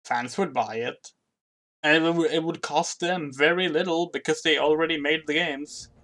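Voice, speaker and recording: Bright-voiced man, casual gameplay commentary. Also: fairly high pitch, steady tone, moderate pace. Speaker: gaming commentator.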